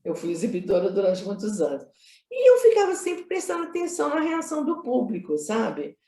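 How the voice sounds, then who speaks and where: A film director from Minas Gerais, Brazil, explains her creative choices in a conversational interview, emphatic and repeating phrases with frequent tag questions. Her mellow voice is on the high side, fairly quick, with huge pitch swings. The sound is roomy and echoey.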